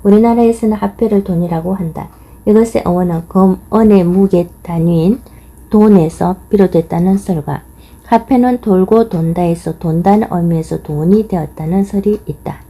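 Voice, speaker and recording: A woman reads a nonfiction book aloud in a measured, even narration. Her voice is deeply mellow and dark, with a husky, breathy grain that softens every phrase. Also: rough recording. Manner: measured, steady reading. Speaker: audiobook reader.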